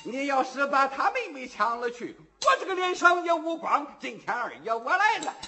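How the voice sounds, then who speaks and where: A storyteller voicing a hot-tempered, boastful young hero who shouts and rages brashly. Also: male voice, very high-pitched, very animated, normal speed, a little hiss or hum, exaggerated voice. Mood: furious. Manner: shouting, leaping and raging, brash. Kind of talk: traditional storytelling performance.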